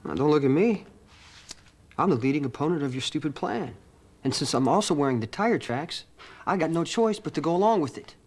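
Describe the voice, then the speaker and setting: A man's voice: on the high side, lively intonation, a little fast, a little mellow. An actor playing a guarded man who answers dryly and bluntly, in daytime soap acting. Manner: dry, blunt, curt.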